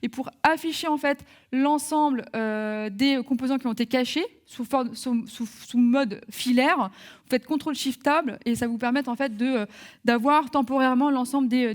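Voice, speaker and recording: A woman giving a live software training webinar, talking through steps with many fillers and restarts. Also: on the high side, brisk.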